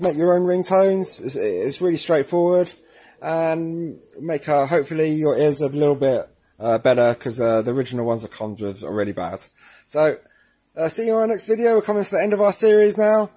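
A man with a slightly high, husky voice and a dark tone hosts a how-to video series. He narrates a casual tutorial, chatting informally as he walks through each step.

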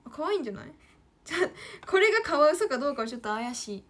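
A woman's voice: sits high, sing-song, very fast, a bit bright. A woman in her late teens from Kyoto, with a Kyoto Kansai accent, chatting casually to herself and her viewers on a livestream while she draws. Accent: Kyoto Kansai dialect. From Kyoto, Japan. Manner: chatty, talks to herself, calls herself by name. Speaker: idol livestreamer.

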